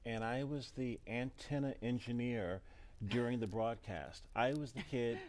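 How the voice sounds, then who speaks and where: A man in his fifties chats as a broadcast commentator, with a medium-pitched voice. He tells stories in a loose, conversational way and acts out what people said. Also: a little slow, a little mellow, a little hiss or hum. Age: 50s. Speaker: former astronaut, broadcast commentator. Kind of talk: conversational storytelling.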